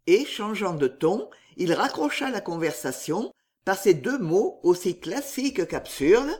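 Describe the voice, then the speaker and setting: A woman narrating a literary story, expressive and measured. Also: medium pitch, slightly rough.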